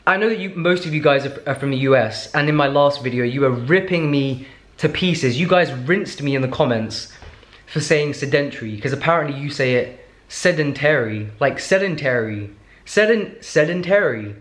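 A man's voice: medium pitch, moderate pace, a bit bright. A man in his thirties with a British accent, chatting casually and self-mockingly to a handheld camera in his home kitchen and living room. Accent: British English. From United Kingdom. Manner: rambling, self-mocking, talks straight to camera. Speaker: vlogger. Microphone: handheld camera at arm's length. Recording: echoey room.

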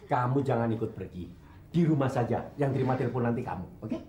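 A woman's voice: rumbling low, expressive, fast talker, mellow. A woman playing a bossy employer who orders her servants about in a sitcom. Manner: bossy, exclamatory. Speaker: the boss. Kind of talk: sitcom acting. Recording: roomy set with crowd noise.

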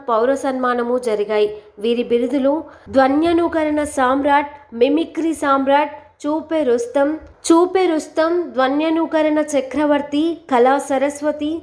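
A woman reading scripted documentary narration in an even, formal way. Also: high voice.

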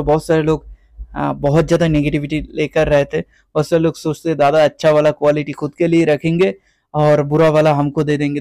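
A man's voice: on the high side, darkish tone, dry recording. A young man from West Bengal giving a casual video tour of his guppy breeding tanks, chatting on and on and mixing English words into his Hindi. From West Bengal, India. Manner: chatty, repeats "theek hai" often. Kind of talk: casual vlog walkthrough.

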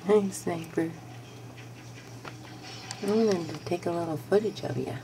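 A young woman filming a pet lizard, often whispering gently and giggling as she coaxes it. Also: fairly low pitch, lively intonation, fast talker, vocal fry, background noise. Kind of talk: casual home video narration.

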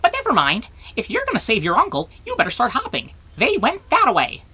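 A performer voicing a folksy, chatty talking animal in a cartoon comic dub, with a raspy voice. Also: mid-range voice, wildly swooping pitch, a little fast, bright, forceful tone, a little hiss or hum, exaggerated voice. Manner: folksy, colloquial.

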